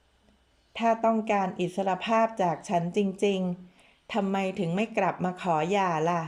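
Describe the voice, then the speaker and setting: A woman's voice: mid-range voice, fairly even intonation, a little slow, a little mellow, natural voice. A woman reading a novel aloud, voicing a cold, vengeful, domineering husband with a contemptuous, menacing manner.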